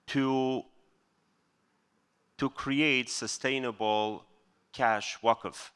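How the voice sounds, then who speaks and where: A man from Bosnia answering a question as a conference panelist, in a measured, explanatory way. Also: mid-range voice, a bit bright, clear, resonant tone.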